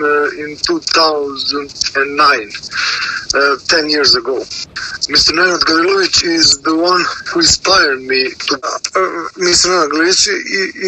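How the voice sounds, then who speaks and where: A man from Serbia with a Serbian accent, a dog breeder giving halting interview answers full of fillers and restarts. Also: on the high side, sharp tone, low-quality recording. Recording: radio-style sound.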